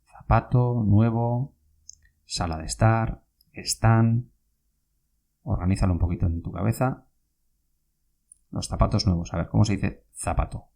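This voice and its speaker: A man teaching Basque vocabulary in a podcast lesson, speaking slowly and patiently and repeating each word. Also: fairly low pitch, vocal fry, mellow.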